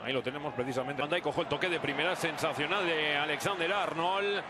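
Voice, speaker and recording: A man doing live football play-by-play, excitable and surging into drawn-out shouts at goals. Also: on the high side. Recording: very noisy outdoor stadium ambience.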